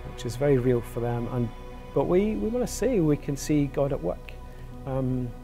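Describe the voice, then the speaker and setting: A man's voice: medium pitch, big pitch swings, normal speed, music in the background. A man, a church leader, speaking earnestly with some restarts. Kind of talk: documentary interview.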